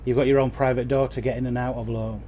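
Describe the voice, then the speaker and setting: While streaming a bus game on his console at home, a man talks excitedly to viewers by name using a new gaming headset mic. His delivery is fast and flat, his medium-pitched voice warm, with a little hiss or hum in the background.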